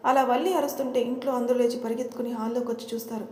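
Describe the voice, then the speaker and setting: Woman storyteller, steady storybook narration, fairly high voice, mellow tone, roomy echo. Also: very fast. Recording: roomy echo, faint noise.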